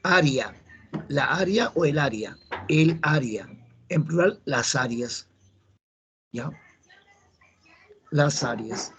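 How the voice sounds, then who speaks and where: Slow and expressive, with long pauses, the teacher's fairly high, bright voice carries over slight background noise. He is a man with a Peruvian Spanish accent covering grammar for an entrance exam, patiently restating the key rules and asking the class questions.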